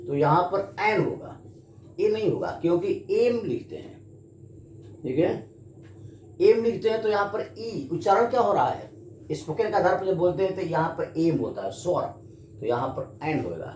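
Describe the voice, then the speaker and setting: An animated Indian man teaches a grammar lesson in a classroom, his voice sitting high and moving at a normal speed. He talks to the students, asking questions and answering them himself, while the echoey room carries faint background noise.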